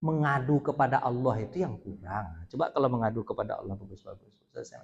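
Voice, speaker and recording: A man's voice: medium pitch, expressive, fast talker, creaky, lo-fi sound. A man giving an informal religious lecture to a group of women, chatty and often asking them questions. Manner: chatty, asks the audience questions, acts out stories. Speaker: Islamic preacher.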